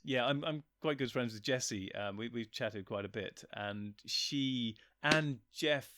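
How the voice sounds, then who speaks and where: A man who is a writer and voice actor chats casually as a guest, speaking enthusiastically and rambling off on tangents. His medium-pitched voice moves at a measured pace over a noisy background.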